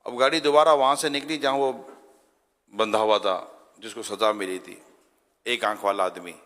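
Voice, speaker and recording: A male religious scholar giving a storytelling talk, acting out the characters' voices as he goes. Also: lowish voice. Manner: animated storyteller who acts out voices. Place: studio. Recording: studio with long reverb.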